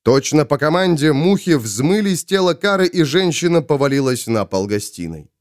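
A man narrating an audiobook in a dramatic, expressive way. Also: on the high side, moderate pace, no room sound, clean studio sound.

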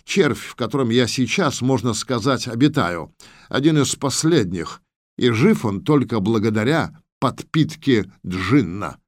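A man's voice: mid-range voice, animated, unhurried, no echo, studio quality, natural voice. A man voicing an old man speaking through a monster. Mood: calm.

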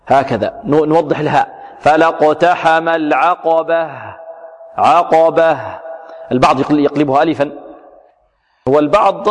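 A man teaching Quran recitation rules, slowly drawing out example words and then briskly correcting mistakes, asking his students questions and answering them himself. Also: fairly high pitch, darkish tone, long reverb tail. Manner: slow, drawn-out demonstrations of each word, then quick corrections. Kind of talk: tajweed lesson with recited examples.

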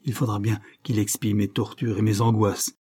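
A man's voice: fairly low pitch, fairly even intonation, moderate pace, warm tone, husky. A man voicing a desperate young man accused of theft, speaking in impassioned, pleading outbursts.

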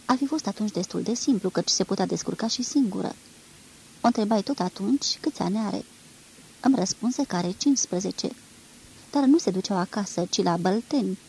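A woman reading a literary novel aloud in a measured, expressive storytelling manner. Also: medium pitch, gravelly, slight background noise, poor audio. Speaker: reader.

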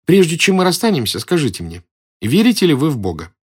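Guy doing a cool mocking young woman in an audiobook, way higher than his normal voice, unbothered. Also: wildly swooping pitch, fast, husky, heavily acted. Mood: cool, teasing. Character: scornful young African woman, calm and teasing. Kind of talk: audiobook character voice.

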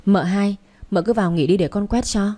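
A woman's voice: medium pitch, normal speed, mellow, lightly acted. A woman doing a cheeky young servant girl. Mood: pleading. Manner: stammering, whiny, gossipy.

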